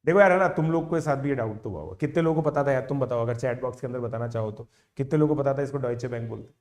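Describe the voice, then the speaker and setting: A man's voice: medium pitch, rapid-fire. Chatty male educator telling a story. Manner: chatty, animated, with frequent "theek hai" check-ins; mixes English words into Hindi. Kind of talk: casual motivational storytelling to online students.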